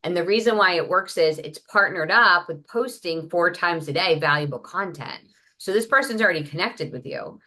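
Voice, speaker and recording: A woman on a video call, a podcast guest, explaining her business methods in a brisk, practical way. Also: fairly low pitch, pushed and bright. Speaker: podcast guest, marketing entrepreneur. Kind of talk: conversational interview.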